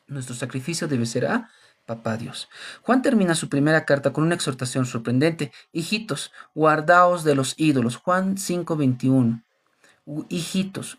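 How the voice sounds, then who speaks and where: A man gives a sermon with a gravelly, fry-laden voice at a middle pitch. He talks conversationally, often repeating words and asking his listeners whether they follow. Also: darkish tone. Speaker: preacher. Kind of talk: sermon with live chat greetings.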